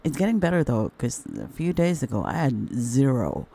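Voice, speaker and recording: The host of a commentary channel, a middle-aged woman, talks casually to her viewers and addresses them as darlings, her very deep voice hoarse from the flu. Her delivery is mellow at a moderate pace, with big swings in pitch.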